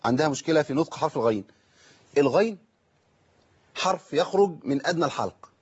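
A man with an Egyptian Arabic accent teaching Quran recitation. He answers viewer questions, asks himself rhetorical questions and demonstrates words with slow, drawn-out recitation. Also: fairly high pitch, lively intonation, slightly rough, highs cut off.

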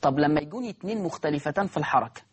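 A man with an Egyptian accent teaching Quran recitation, repeating words slowly to show how they sound and asking his listeners rhetorical questions. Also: a little high, lively intonation, husky. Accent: Egyptian Arabic. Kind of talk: recorded recitation lesson.

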